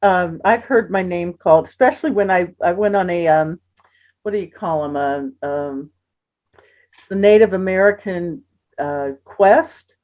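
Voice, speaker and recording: A woman with a slightly low voice shares a personal story in a relaxed podcast chat. She often pauses and searches for her words as she goes. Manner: hesitant, searching for words with many fillers. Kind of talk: casual chat.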